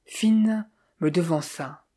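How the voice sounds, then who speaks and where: A woman narrating a first-person detective novel in a measured, even storytelling voice. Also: lowish voice. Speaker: audiobook reader.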